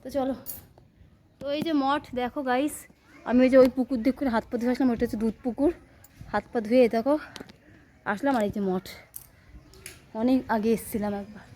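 Fast-talking high-voiced woman vlogger. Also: warm tone. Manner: chatty, rambling, repeats herself. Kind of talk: casual daily vlog talk to viewers.

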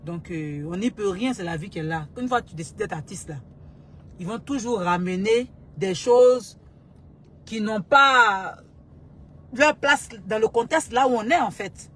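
A woman being interviewed as a guest artist, speaking in a calm, measured way, often hesitating and repeating words as she thinks. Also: medium pitch, husky. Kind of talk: talk-show interview answer.

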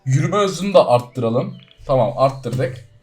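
A man giving casual, excitable commentary while playing a game, talking straight to his viewers and swinging between loud surprise and low muttering. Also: takes it slowly, faint music behind. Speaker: gaming YouTuber.

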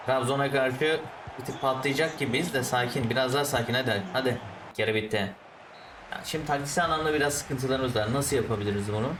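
A man commentating his own football video game match, ranting at the referee and the players, then calmly explaining his tactics. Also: medium pitch, reverberant, distant mic. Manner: switches to calm explaining of tactics. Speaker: gaming YouTuber.

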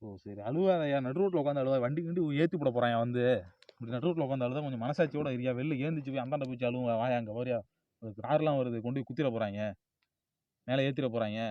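A man out on a road, loudly lecturing a crying friend, repeating himself as he scolds. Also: mid-range voice, dry recording, muffled recording. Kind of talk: heated roadside scolding. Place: on a road outdoors.

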